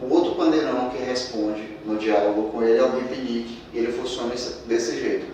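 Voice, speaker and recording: Over loud music, a man from Maranhão, Brazil speaks fairly quickly in a steady, medium-pitched voice, counting beats aloud as he demonstrates drums during a percussion workshop. It's an instructional demonstration recorded with a distant mic in an echoey room, with percussion instruments being played in the background.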